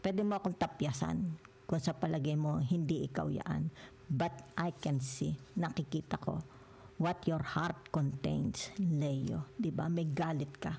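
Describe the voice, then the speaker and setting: A woman's voice: deep voice, gravelly, warm tone, breathy edge. An older woman giving a tarot reading, mixing Tagalog and English and ending nearly every phrase with a questioning tag. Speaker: tarot reader.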